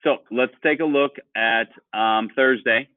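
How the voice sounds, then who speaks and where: A man's voice: medium pitch, measured pace, no echo. A male teacher leading an online grammar lesson, explaining patiently and asking the class questions. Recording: dry, phone-like sound.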